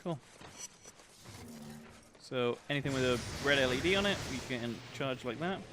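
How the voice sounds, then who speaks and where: A man's voice: medium pitch, expressive, normal speed. A man giving casual, chatty, explanatory commentary as he streams a video game. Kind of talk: casual livestream gameplay commentary. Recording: game ambience noise behind voice. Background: video game ambience.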